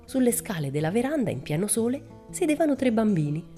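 A woman narrating a children's storybook in a measured, expressive way. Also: fairly high pitch, soft background music. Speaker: audiobook narrator. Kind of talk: storybook reading.

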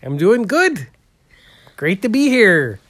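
A man's voice: sits high, very animated, slow pace, a bit bright, no room sound, full character voice. A man playing a goofy, heavyset portrait painter in an improvised comedy interview, drawling and rambling with lots of "uh" and "there".

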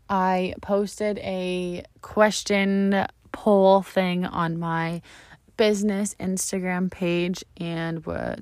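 A woman's voice: mid-range voice, dry recording. Young woman, twenties, from Canada, solo podcast host, bubbly and chatty, morning voice, close and dry. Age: 20s. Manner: bubbly, chatty, lots of fillers. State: morning voice, just woke up. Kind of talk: casual solo podcast chat.

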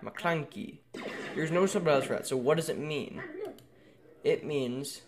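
Creaky-voiced man in an echoey bare room. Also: on the high side, a little slow, a crowd in the background. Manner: rambling, self-correcting, chatty. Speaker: film commentator. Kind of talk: casual commentary while watching a film. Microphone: headphones while recording.

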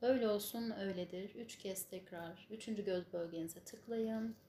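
A woman with a mid-range voice guides a spiritual healing meditation. She gives instructions and prayers in measured, solemn phrases. The room is echoey, with faint noise behind her. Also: mid-range voice, fairly even intonation, mellow. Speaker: spiritual healing session leader.

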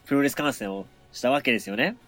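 A man's voice: medium pitch, animated, quick pace, fairly bright tone, soft background music. A man co-hosting a podcast, telling stories in a chatty, easygoing way. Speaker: podcast co-host. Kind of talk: casual podcast chat.

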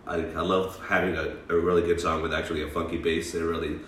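A man's voice: low voice, level tone, quick pace, a bit bright, roomy sound, far from the mic, a little hiss or hum. A man co-hosting a casual music chat, introducing songs with many hesitations and fillers. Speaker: co-host presenting songs.

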